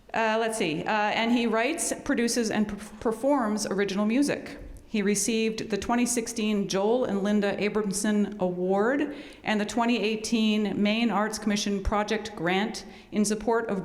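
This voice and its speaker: A woman hosts a live event with an informal, chatty introduction. She speaks at a middle pitch, halting now and then for improvised asides. Her voice rings in a reverberant hall. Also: a little mellow. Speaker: event host introducing a performer. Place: large indoor event space.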